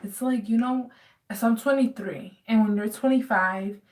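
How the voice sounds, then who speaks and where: A woman's voice: a little high, normal speed, a little mellow, distant mic. A woman in her twenties from the United States chatting casually in a home Q&A vlog, rambling with many fillers. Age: 20s. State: dry throat. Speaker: vlogger.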